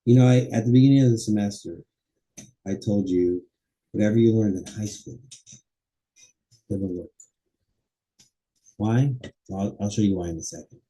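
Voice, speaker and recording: A man teaching a college public speaking class, lecturing casually and acting out quick everyday dialogue as examples. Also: lowish voice, warm tone, rough recording. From Los Angeles area. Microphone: webcam or computer mic while presenting slides.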